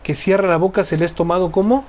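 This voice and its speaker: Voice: mid-range voice, fast, a little mellow. A speaker teaching a Bible study, reading scripture aloud and explaining it earnestly, often repeating phrases and asking rhetorical questions.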